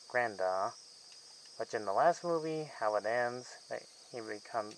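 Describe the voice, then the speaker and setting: A man's voice: fairly low pitch, a bit bright, a little hiss or hum, poor audio. A man giving a casual, rambling film review vlog, with loosely strung sentences that often trail off mid-thought. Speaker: movie reviewer.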